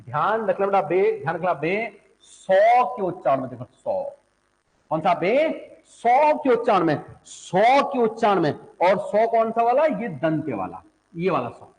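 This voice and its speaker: A young adult man with a very high, highly animated voice teaches a classroom lecture on Hindi phonetics at an unhurried pace. He poses questions to his students, answers them himself, and repeats syllables aloud. The echoey classroom is audible on the recording.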